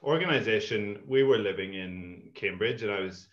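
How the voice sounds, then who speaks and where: A man in his thirties who founded a community farm and grew up in Ireland and Malawi is a guest in a casual video-call interview. His lowish voice moves at normal speed as he talks thoughtfully and rambles, and the call audio is echoey, dull and lo-fi.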